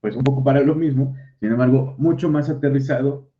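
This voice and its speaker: A man's voice: mid-range voice, steady tone, fairly quick. A Mexican man teaching an online class, talking it through with fillers and restarts. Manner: thinks aloud with many fillers and restarts. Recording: dull lo-fi audio.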